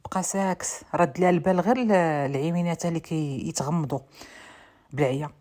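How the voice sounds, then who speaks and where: A woman with a Moroccan accent reads a romance aloud at a rapid pace. Her voice sits a little low for a woman, and she tells the story intimately, stumbling and restarting now and then. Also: mellow.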